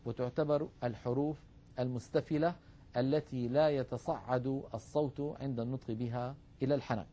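A man's voice: mid-range voice, fairly even intonation, brisk, mellow. A man teaching Arabic phonetics over slides, patiently addressing viewers and drawing out example syllables for them to repeat. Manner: models sounds aloud, drawing out syllables for the class. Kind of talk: instructional lecture with slides.

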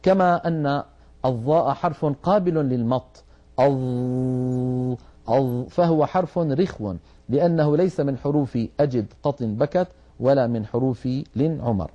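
A man teaching a Quranic recitation lesson, precise and methodical, slowly demonstrating how letter sounds are made. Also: on the high side, mellow, highs cut off.

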